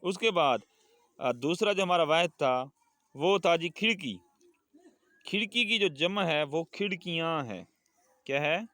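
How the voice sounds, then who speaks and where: A male Urdu teacher with a Pakistani accent leads a children's lesson at an unhurried pace. He repeats each word and sentence patiently so his pupils can echo it back. The sound is dry and close to the mic. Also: on the high side, expressive, fairly bright tone. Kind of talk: classroom lesson with call-and-response drills.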